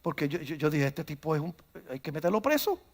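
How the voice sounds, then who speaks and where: A man, a pastor preaching a sermon who starts calm and builds to loud, fervent preaching, acting out stories along the way. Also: fairly high pitch, a little fast. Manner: tells stories, acts out quoted voices. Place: church.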